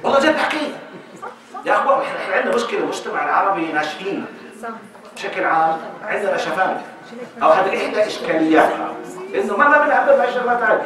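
A man giving a lively public talk to an audience, acting out little dialogues as he goes. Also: sits high, racing, a crowd in the background. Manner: animated, acts out little dialogues. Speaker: speaker giving a talk on marriage. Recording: echoey hall, voice from far off, faint noise.

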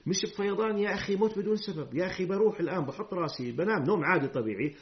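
A quick-speaking man teaches a religious lesson in a slightly raised voice. He recites narrations formally, then breaks into colloquial asides and rhetorical questions. The recording sounds dull and lo-fi. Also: high voice. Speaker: Islamic preacher.

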